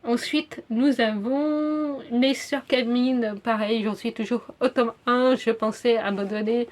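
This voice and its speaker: A woman's voice: on the high side, darkish tone. Chatty young French-speaking woman vlogger. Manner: chatty, frequent "euh" fillers and self-corrections. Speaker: book YouTuber. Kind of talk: casual book review vlog.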